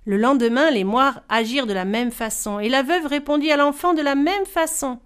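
A woman reading a fairy tale aloud as storyteller, expressive and varied in delivery. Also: sits high, normal speed.

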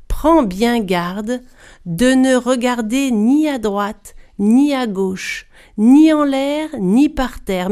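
A woman voicing a husband who gives his bride slow, careful instructions, in a storybook reading. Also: a little high, darkish tone.

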